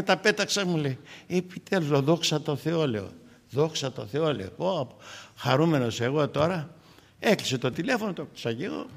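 A man in his sixties preaching a sermon, shifting from loud fervent exhortation to quiet, intimate storytelling. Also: on the high side, vocal fry, long reverb tail.

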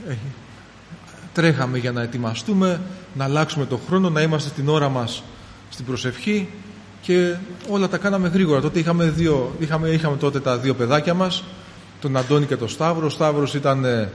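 A man in his thirties preaching a personal testimony, calling his listeners brothers and rising into fervent, shouted prayer. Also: on the high side, a little hiss or hum. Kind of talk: sermon testimony. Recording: long hall reverb, faint ambience.

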